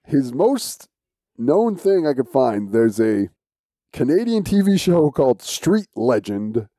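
A man hosting a podcast in casual chat, speaking a little haltingly. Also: mid-range voice, mellow, no echo, clean studio sound. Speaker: podcast host.

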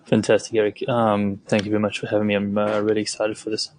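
Low, flat-voiced man from South Africa. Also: fast talker. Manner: hesitant, many ums and restarts. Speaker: guest, former Olympic swimmer. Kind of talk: conversational interview.

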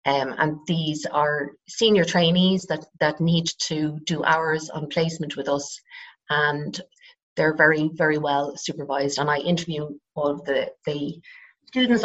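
Croaky, low-voiced Irish woman. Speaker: psychotherapist, interview guest. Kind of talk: informal explanatory talk. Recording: dull, lo-fi sound.

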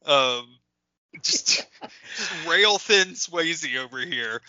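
A man's voice: on the high side, lively intonation, very slow, sharp tone, dry recording. A man co-hosting a podcast, chatting eagerly about a movie with stammered restarts and lots of "like.". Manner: enthusiastic, stammering restarts, says "like" a lot. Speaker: podcast co-host. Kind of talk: casual movie review chat. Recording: dry, dull lo-fi podcast audio.

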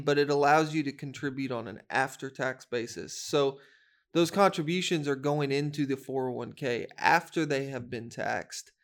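A man giving unscripted explanations as a financial podcast panelist. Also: medium pitch.

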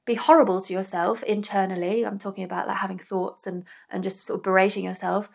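A woman speaking earnestly and gently into a small dictaphone indoors, with many fillers, reflecting personally as a podcast host. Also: mid-range voice, level tone, fast, gravelly. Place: indoors in front of a mirror. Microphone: small dictaphone recorder.

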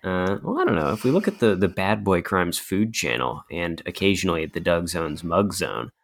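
Low-voiced young man, cave-like echo. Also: big pitch swings, moderate pace, vocal fry. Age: 20s. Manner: joking, self-deprecating. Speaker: podcast co-host. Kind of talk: casual chat. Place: bare-walled apartment room with cave-like echo. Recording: echoey bare room, cave-like.

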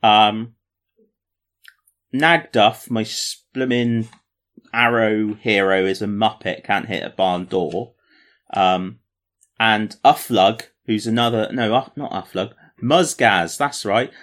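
A man with a somewhat low voice chats casually on a podcast. He rambles with plenty of ums, jokes at his own expense and keeps things light and chatty. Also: steady tone, slow pace, a bit bright. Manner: jokey, self-mocking, rambling with fillers. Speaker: podcast co-host. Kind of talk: casual chat about tabletop wargaming.

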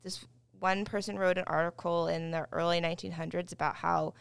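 Woman, podcast co-host, smooth resonant voice, dry close sound, rambling chat. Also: fairly low pitch, fairly even intonation, no room sound. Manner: rambling, halting with restarts. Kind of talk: casual podcast chat and reading aloud.

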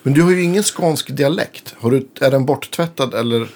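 A man's voice: medium pitch, darkish tone. A man hosting a casual interview, asking rambling questions and dropping frequent short agreements. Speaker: podcast host.

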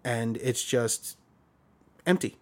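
A man with a Brooklyn accent and a mid-pitched voice talks as a podcast guest. His delivery is conversational and informal, like someone swapping stories. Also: slow, a little mellow. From Brooklyn, New York. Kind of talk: casual conversational storytelling.

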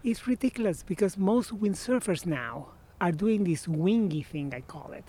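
This guest, a man in his sixties with an Argentine Spanish accent, has a high voice and talks at a moderate pace. Outdoors by a marina in an informal interview, he tells stories with animation, often letting phrases trail off before beginning again.

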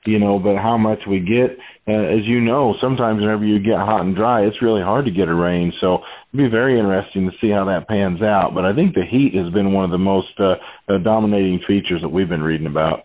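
Low-voiced man talking over the phone. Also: brisk. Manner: rambling, full of "you know" and "uh". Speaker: market analyst guest. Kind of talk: casual interview talk. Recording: tinny phone line.

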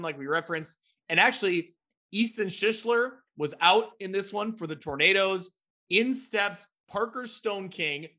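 A bright, high-pitched man hosts a casual sports talk show. He talks in an upbeat way, recaps scores and stats, and pokes fun at himself. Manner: upbeat, self-deprecating, recaps game stats.

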